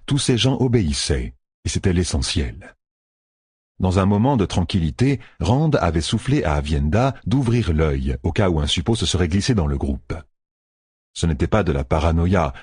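A man narrating an audiobook with steady storytelling. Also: low-pitched, slightly rough, dry recording, clean studio sound.

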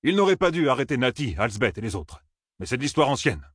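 A man's voice: medium pitch, sing-song, fast talker, fairly bright tone, slightly rough, no echo, studio quality, pitched above the performer's own voice. A man voicing a placating bald villager. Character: bald villager, tense and conciliatory.

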